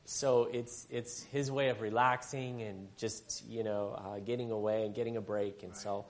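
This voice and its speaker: A man's voice: fairly low pitch, little pitch movement, moderate pace. A man leading a church service, reading scripture and praying, his voice congested and stuffed up. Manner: rambling prayer with repeated "Lord" and "Father". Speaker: church minister.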